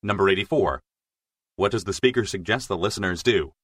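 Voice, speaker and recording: A man reading scripted exam narration as a test narrator, in a formal, measured way. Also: low-pitched, fairly bright tone, dry recording, clean studio sound.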